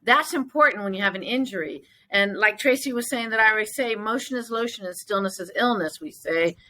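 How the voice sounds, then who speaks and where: A woman's voice: medium pitch, a little fast, bright, forceful tone, no room sound, rough recording. A woman who owns a fitness bootcamp, talking in an emphatic, upbeat, motivational way in a casual interview.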